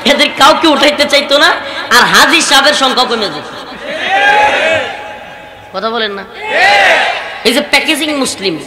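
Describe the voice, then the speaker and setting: A male preacher tells a mocking story that swings to loud outbursts. His voice carries through a roomy, echoing hall. A large crowd is audible behind him. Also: extremely high pitch. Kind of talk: sermon. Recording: echoey hall with crowd noise.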